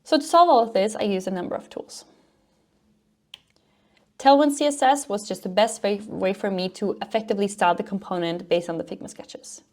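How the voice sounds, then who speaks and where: A Norwegian woman speaking English presents at a conference as a front-end developer and educator, explaining technical material in a brisk, informal, upbeat style. Her pitch is average for a woman.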